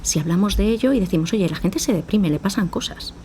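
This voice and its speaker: A woman's voice: mid-range voice, expressive, fast, dark tone, a little hiss or hum. A woman psychologist on a podcast, explaining at length and acting out her talks with parents. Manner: explanatory, acts out dialogues with parents. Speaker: psychologist guest. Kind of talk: podcast interview.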